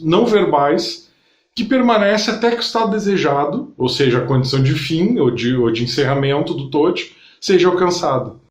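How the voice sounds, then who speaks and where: A man teaches an online lesson, addressing the listener directly and breaking ideas into listed steps. His voice sits fairly high. The room around him rings with noticeable echo. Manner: didactic, addresses the viewer directly, pauses to list steps. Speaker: NLP instructor. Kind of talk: explanatory online lesson to camera. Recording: roomy echo.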